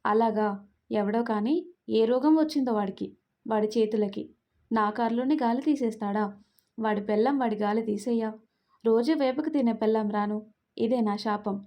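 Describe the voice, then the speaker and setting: A woman's voice: on the high side, normal speed, pauses often, warm tone, natural voice. A woman voicing a feisty young woman who scolds and curses sharply, in a storybook reading.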